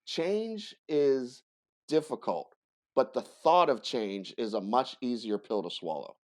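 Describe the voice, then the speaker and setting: A man's voice: medium pitch, slow. A man in his fifties, a dating coach, chatting casually as a podcast guest and telling stories with lots of false starts. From United States. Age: 50s. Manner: animated storyteller, repeats starts.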